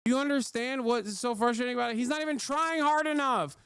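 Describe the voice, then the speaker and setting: A man's voice: very high-pitched, quick pace, fairly bright tone, clean tone, dry recording. Sarcastic, cursing streamer guy, clean dry voice. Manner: sarcastic, profane, mocking. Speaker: streamer reacting to clips. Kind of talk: casual live-stream commentary.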